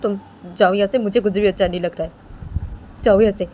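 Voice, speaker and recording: A distraught young woman pleads in a quick, high, shrill voice, as a woman storyteller puts her on. The words tumble out fast with a faint hiss of background noise. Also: animated. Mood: upset. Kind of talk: storybook narration acting.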